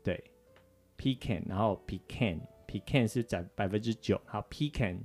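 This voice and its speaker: Soft background music accompanies a man from Taiwan who co-hosts a casual radio chat, explaining things in a chatty way full of fillers. He has a fairly low, slightly mellow voice and a measured pace.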